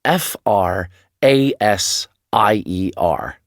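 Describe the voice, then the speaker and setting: Woman putting on a deep-voiced American man. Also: expressive, drawn-out words, dry recording, clean studio sound, heavily acted. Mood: plain. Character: adult American man introducing himself.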